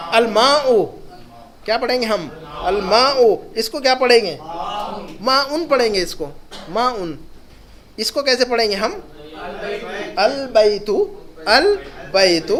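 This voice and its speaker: High-voiced man teaching Arabic slowly. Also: fairly bright tone. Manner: slow, drawn-out reading of each word, then quick explanations with checking questions. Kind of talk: classroom lesson, reading and translating words.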